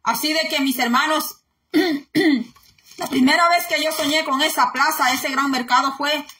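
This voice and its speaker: A woman's voice: high-pitched, a little slow, pushed and bright. A middle-aged woman preacher telling a personal testimony in an informal way, calling her listeners brothers and sisters and repeating phrases as she goes. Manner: repetitive storytelling, often addresses listeners as brothers and sisters.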